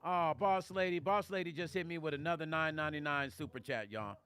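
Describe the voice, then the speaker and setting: A man's voice: on the high side, brisk, fairly bright tone. An older man hosting a casual livestream, talking emotionally and rambling to viewers on a close studio mic. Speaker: vlog host.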